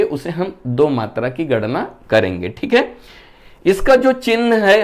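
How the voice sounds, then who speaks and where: A male teacher leads a classroom-style lesson, asking the class questions and then answering them himself. His voice sits a bit high and swings up and down a great deal. Every few sentences he stops to check that the students are following. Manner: keeps checking whether students have understood. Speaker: Hindi grammar teacher.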